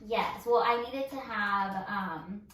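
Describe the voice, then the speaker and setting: A woman's voice: mid-range voice, slow, a bit bright, echoey room, slight background noise. A woman co-hosting a casual chat while doing makeup, giggling often. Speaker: co-host.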